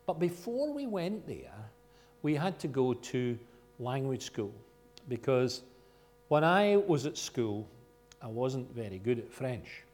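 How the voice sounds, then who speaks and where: Loud Scottish man telling a story. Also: mid-range voice, sing-song, takes it slowly. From Scotland. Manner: loud, chatty and self-deprecating. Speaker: guest speaker at a church gathering. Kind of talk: informal storytelling sermon.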